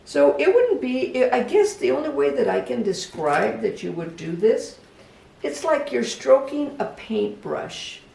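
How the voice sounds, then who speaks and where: Very creaky, gentle-voiced craft instructor. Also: high voice, sing-song. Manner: gentle, unhurried, talks to the project. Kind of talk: casual step-by-step demonstration. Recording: echoey room, voice from a distance, faint background hum.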